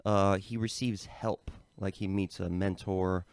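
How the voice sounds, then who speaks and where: A man's voice: deep voice, measured pace, clear, resonant tone, dry recording, clean studio sound. An American man co-hosting a podcast, casually explaining a topic with lots of fillers like "um" and "like". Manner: relaxed, filler-heavy, lots of "um" and "like". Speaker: podcast co-host.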